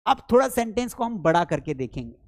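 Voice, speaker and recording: A man's voice: high-pitched, big pitch swings, brisk. A man teaching spoken English in a live online lesson, calling viewers "children" and repeating phrases for drills.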